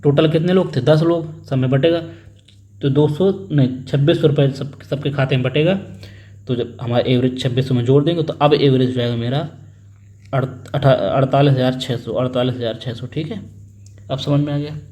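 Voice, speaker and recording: A man's voice: mid-range voice, fairly even intonation, normal speed, mellow. A young man teaching an exam-prep maths lesson, working sums aloud, repeating figures and prompting his students to answer. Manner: acts out family members in a little story.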